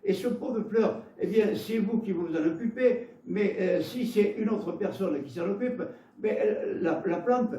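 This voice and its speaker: A man with a Gascon French accent delivers a sermon in a fairly high voice, halting and repeating words as he slips into homely stories. He is picked up from some way off the microphone, and the church hall around him rings with echo. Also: distant mic. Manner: halting, repeats words, warm storytelling asides. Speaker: preacher.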